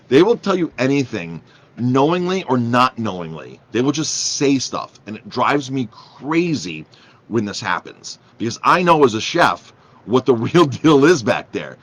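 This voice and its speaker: A man who is a chef and restaurant owner, talking casually and emphatically to the camera, repeating phrases and restarting often. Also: mid-range voice. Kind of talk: casual vlog talk.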